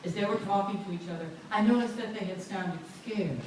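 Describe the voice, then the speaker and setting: A woman reading a memoir aloud at a book launch event, with lively, amused storytelling. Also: medium pitch, fairly quick, slight background noise. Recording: echoey room, far from mic.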